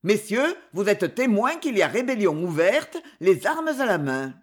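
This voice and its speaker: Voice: medium pitch, big pitch swings, a little slow. A narrator voicing a sinister, scheming male nobleman who growls orders and strains to sound imposing in an audiobook reading. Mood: snarling.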